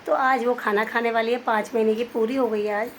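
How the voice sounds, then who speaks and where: A woman's voice: fairly high pitch, fairly even intonation, fairly quick, a little hiss or hum. A young woman chatting casually to her viewers in a family home, explaining everything as she goes. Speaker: vlogger. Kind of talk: casual vlog narration.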